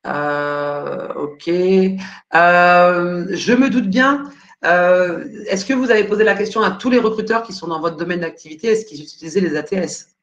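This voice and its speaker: A woman's voice: on the low side, fairly bright tone, dull audio. Hesitant woman coach on a video call. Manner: hesitant, many fillers, thinking aloud while searching files. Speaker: career coach. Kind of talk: live webinar Q&A answers.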